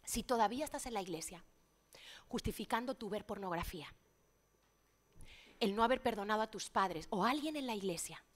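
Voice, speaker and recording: Middle-aged woman preaching in church, kinda high voice, gets loud then drops to almost a whisper. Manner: impassioned, swings from loud exclamations to hushed near-whispers. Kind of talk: sermon.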